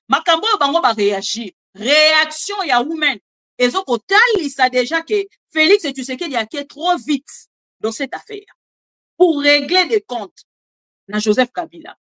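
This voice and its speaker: A woman with a Congolese French accent giving animated, chatty political commentary and joking asides to her viewers. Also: high-pitched. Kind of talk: casual live commentary, French mixed with Lingala.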